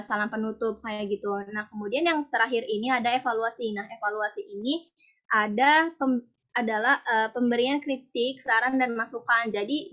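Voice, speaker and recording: A woman's voice: a little high, a bit bright. A young woman giving a class presentation, explaining casually with many fillers and restarts. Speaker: student presenter. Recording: dull lo-fi recording.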